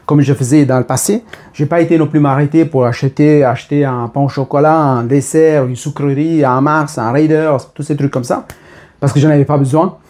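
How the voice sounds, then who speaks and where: A man's voice: medium pitch, mellow. A man in his thirties talking casually and spontaneously to camera, rambling with many fillers and restarts. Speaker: vlogger.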